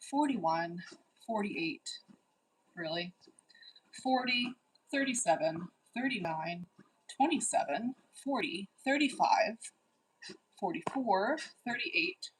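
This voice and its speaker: On a low-quality recording, a forty-something woman hosting a livestream goes through viewer comments, teasing and bossing her audience while scolding rude commenters. Her mid-range voice carries a breathy edge.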